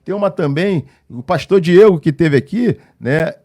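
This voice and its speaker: A pastor with a Rio de Janeiro accent recounts his experiences as a guest on a podcast interview. The man's voice is high-pitched, and he tells his stories with animation, acting out the voices of the different people involved. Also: measured pace. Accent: Rio de Janeiro Portuguese. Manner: animated storyteller acting out dialogue.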